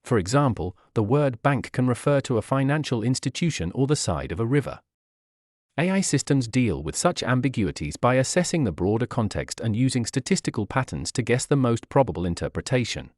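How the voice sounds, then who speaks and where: A man reading a structured scripted explainer as narrator, in a measured tone. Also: medium pitch, sing-song, darkish tone, dry recording, clean studio sound.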